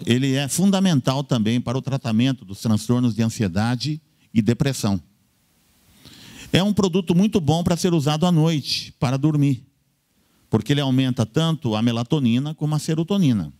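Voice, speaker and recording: A man's voice: medium pitch, darkish tone. A man, a doctor, giving a health talk in an emphatic way, listing points in short bursts and repeating key words. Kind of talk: lecture-style health talk.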